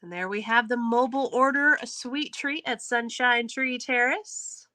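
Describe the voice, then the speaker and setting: Woman host, live game, bright upbeat chat, dry close mic. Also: a little high, a little slow, no room sound, rough recording. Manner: upbeat, chatty, laughs often. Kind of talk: live game-show hosting.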